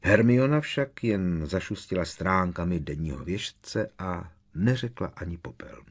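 Deep, husky male audiobook narrator. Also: expressive.

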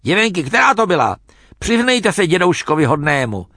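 Vain old chief guy man putting it on, kinda high, sentimental, blows up fast. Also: big pitch swings, dry recording, studio quality, full character voice. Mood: wheedling. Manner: sentimental, flares into shouting.

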